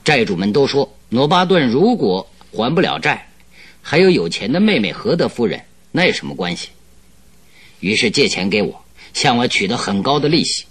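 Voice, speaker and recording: Playing a self-assured detective in a Chinese radio drama, a man explains his deductions with courteous mastery and a confident, expository air. His mid-range voice is very animated, fairly bright and slightly rough, at a moderate pace over background music.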